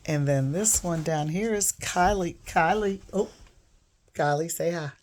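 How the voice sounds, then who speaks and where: A woman in her fifties, a vlogger, tells stories casually to the camera from her home. A cold has left her low voice hoarse and froggy, dark and mellow with gravel underneath. She rambles earnestly and keeps wandering off into side stories.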